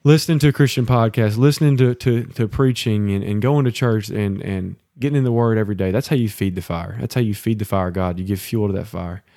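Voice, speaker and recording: A man with a lowish voice talks like a preacher on a faith podcast. He lays out his points one by one and calls for an amen. The mic is close and dry. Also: a little fast, vocal fry, hardly any pauses, dark tone, dry recording. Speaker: podcast co-host. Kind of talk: faith podcast chat with sermon-like teaching.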